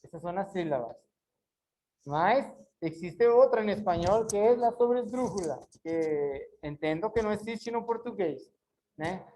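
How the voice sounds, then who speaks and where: Woman teacher, mellow tone, slow careful syllables, patient online class. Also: medium pitch, lively intonation, slight background noise, low-quality recording. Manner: explains patiently, spells words slowly syllable by syllable. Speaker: Spanish teacher.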